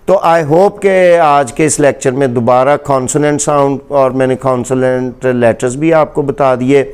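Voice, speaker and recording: Man, pakistani urdu accent, english teacher, clear smooth voice, slightly high pitch. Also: a little mellow. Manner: patient, repeats examples slowly, asks rhetorical questions. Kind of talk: explaining grammar in a lecture.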